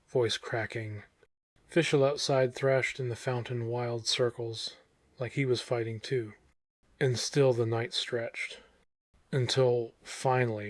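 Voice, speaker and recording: Male vintage horror narrator, scripted storytelling, unhurried pace, suspenseful short phrases, dry sound. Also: mid-range voice, dry recording.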